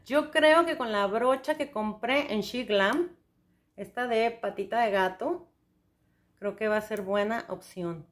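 Beauty vlogger, young woman, enthusiastic and chatty, slightly high voice. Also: unhurried. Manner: chatty and enthusiastic, addresses the viewer directly. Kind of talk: makeup review, casual chat to the viewer.

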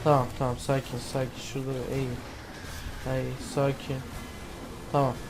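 A man from Turkey giving excitable gameplay commentary, swearing and yelling when startled. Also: medium pitch, normal speed, very noisy. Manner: excitable, swears and yells in surprise. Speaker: gamer.

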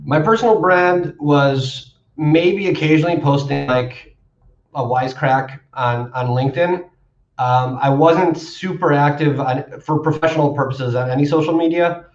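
A man's voice: fairly high pitch, measured pace. Wry young male guest, echoey lo-fi call. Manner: wry and rambling, many fillers. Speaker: guest, marketer. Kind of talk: casual interview answers. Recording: roomy, dull lo-fi sound.

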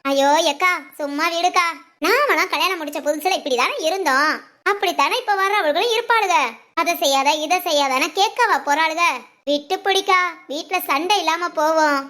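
Cartoon casting: woman doing a bright, high-voiced neighbor woman who gently calms a friend down. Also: moderate pace. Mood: coaxing. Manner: coaxing, soothing advice. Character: calm neighbor woman who soothes the older woman. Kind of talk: cartoon family drama acting.

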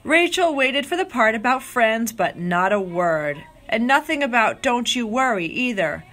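Reading a children's picture book aloud, this storyteller uses a high, bright female voice full of expression. She stretches her phrases dramatically and lets her pitch rise and fall in wide swings.

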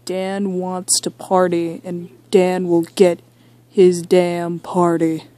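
A girl voicing a boastful, deadpan dad toy who hosts a chaotic talk show in an amateur toy skit. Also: lowish voice, no echo. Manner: slow, boastful, deadpan rambling. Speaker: talk show host figure.

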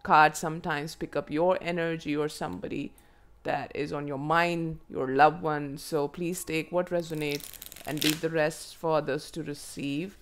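A woman with a hoarse, froggy voice from a cold, reading tarot to viewers in an unhurried, musing way and asking herself questions aloud. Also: low voice, fairly even intonation. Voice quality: froggy, croaky throat. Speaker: tarot reader and channel host. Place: indoors at a table.

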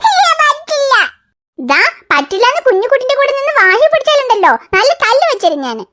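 A woman voicing a young cartoon mother who is patient with her baby and quick to scold the older child. She coaxes in a sing-song voice and turns sharp when she scolds. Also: extremely high pitch, big pitch swings, exaggerated voice. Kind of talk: home-made cartoon voice acting.

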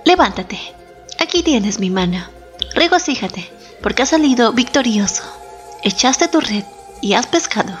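A woman voicing a stern, commanding male Inca emperor in a solemn, authoritative tone, with soft music behind. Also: fairly high pitch, lively intonation, unhurried, long pauses. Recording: slightly dull, soft background music.

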